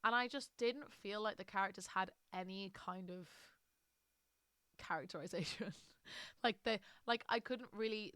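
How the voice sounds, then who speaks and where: Woman, British accent, casual rambling book chat, clear resonant voice, dry room. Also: medium pitch, bright, forceful tone, dry recording. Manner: rambling, chatty, filler-heavy. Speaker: streamer.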